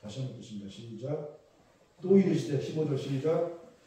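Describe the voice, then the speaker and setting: Male pastor, conversational sermon, loud emphasis and quiet asides; reverberant room, off-mic. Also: mid-range voice, animated, a little fast. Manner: conversational preaching with questions to the congregation. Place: church sanctuary. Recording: echoey church room, mic at a distance.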